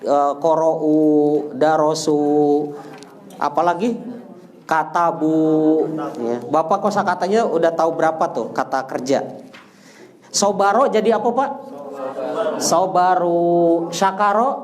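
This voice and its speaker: A man's voice: fairly high pitch, slow pace, long pauses. Man chanting Arabic drills in a sing-song tune. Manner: jokes and chuckles while correcting. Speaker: Arabic teacher. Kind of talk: classroom lesson.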